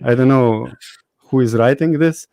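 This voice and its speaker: A man's voice: mid-range voice, a little slow, creaky, dark tone, no echo. A Lithuanian man hosts a live online session in a casual, joking way. He hesitates often, fills gaps with "uh" and laughs at himself. His voice sits in a middle range and sounds dry and close to the mic. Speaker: host. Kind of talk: casual live webinar chat.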